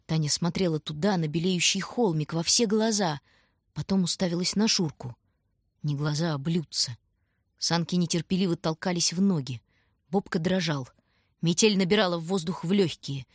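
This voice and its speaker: A woman reading a story aloud in scripted, measured and dramatic narration. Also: on the low side, husky, no room sound, studio quality. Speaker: audiobook reader.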